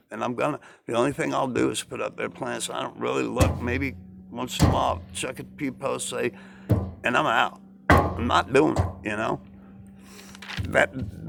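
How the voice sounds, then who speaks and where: A man's voice: medium pitch, creaky, a bit bright. A man talking in a rambling casual monologue, repeating himself and asking rhetorical questions. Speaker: vlogger.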